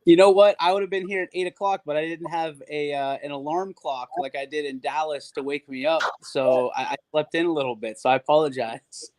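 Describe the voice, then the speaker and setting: A man joining a sports radio show as a guest, talking casually with animated, rambling storytelling. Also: fairly high pitch, a little fast, hardly any pauses, dry recording.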